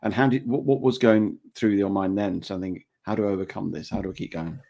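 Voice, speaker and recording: A man hosts a podcast interview in a low, mellow voice. He asks his questions haltingly and often starts them over. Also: steady tone, gravelly. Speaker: podcast host.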